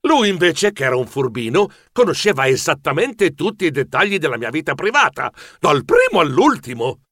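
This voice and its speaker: Theatrical male storyteller: high, bright, very lively delivery. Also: normal speed, dry recording, studio quality. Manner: animated, theatrical. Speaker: narrator. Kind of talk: expressive storybook narration.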